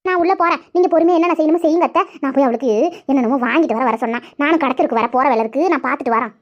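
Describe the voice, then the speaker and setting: A woman's voice: high-pitched, very fast, slight background noise, close to an everyday voice. A woman voicing a dutiful young daughter-in-law in a cartoon, obliging and busy. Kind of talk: cartoon voice acting. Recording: dull lo-fi audio.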